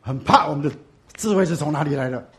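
Pastor guy preaching, kinda high voice, gets loud on key words then drops way down, keeps quizzing the crowd. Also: animated, fast talker. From Taiwan. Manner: rising to loud emphatic bursts, then dropping low and soft; asks the congregation questions and answers them. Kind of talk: sermon.

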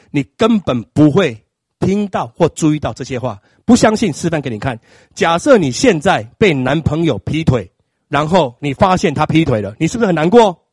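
A middle-aged man preaching a sermon, acting out little scenes in an animated way. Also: on the high side, husky, no echo, clean studio sound. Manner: animated, acts out scenes with exaggerated crying.

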